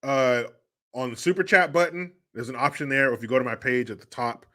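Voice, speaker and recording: Man, live streamer, relaxed profane banter, bright clear voice, mid pitch. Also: a little fast. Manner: laid-back, profane banter. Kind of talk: casual live stream chat reading viewer messages.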